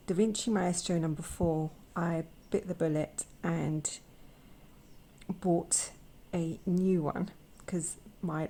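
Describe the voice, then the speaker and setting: Gentle and soft-spoken, this young channel host swatches watercolours in a casual art vlog while nursing a sore throat that makes her voice croaky. Her pitch is on the low side, she often drops to a whisper, and she hesitates with fillers.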